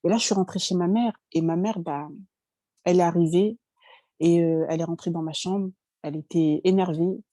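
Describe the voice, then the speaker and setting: Young woman, personal testimony, hesitant and emotional, mellow voice, dry sound. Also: on the low side, fairly even intonation, normal speed, no room sound. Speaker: convert giving testimony.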